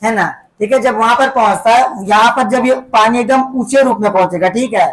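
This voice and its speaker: A woman with a slightly high voice teaches a school lesson. She explains in small steps and keeps pausing to fire repeat-back questions at the class, tagging nearly every sentence with a quick check-in. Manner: tags sentences with "है ना" and "ठीक है बेटा".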